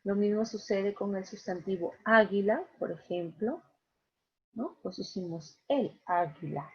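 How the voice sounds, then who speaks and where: Slow-talking husky woman teacher. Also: mid-range voice. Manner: patient, explains step by step, often asks "¿cierto?". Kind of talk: online class lecture. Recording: dull lo-fi recording.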